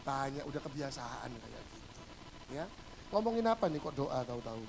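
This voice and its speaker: A male pastor giving a humorous sermon, telling stories and acting out the dialogue, swinging between loud bursts and hushed asides. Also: mid-range voice, lively intonation, normal speed, vocal fry, background noise.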